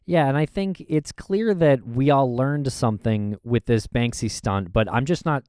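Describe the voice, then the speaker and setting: Male podcast co-host, easygoing and quick to laugh, mid-pitched, recorded close and dry. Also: clean tone, dry recording. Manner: relaxed, laughs easily, narrates clips as they play. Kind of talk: casual podcast chat.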